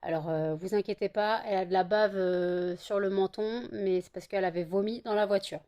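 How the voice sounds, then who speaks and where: A woman's voice: medium pitch, fairly even intonation, normal speed, mellow, dull audio. A woman in her thirties from France, chatting casually in a home vlog, rambling with many fillers and restarts. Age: 30s. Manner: cooing baby talk to her pets. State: out of breath from the heat. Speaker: vlogger.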